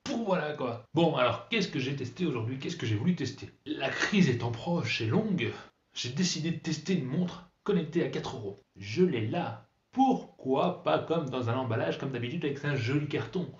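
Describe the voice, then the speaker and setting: A man's voice: on the high side, expressive, moderate pace, breathy edge, highs cut off. A man talking casually through an unboxing review of a cheap gadget, joking and filling gaps with hesitations. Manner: chatty and joking, with many fillers. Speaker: tech reviewer.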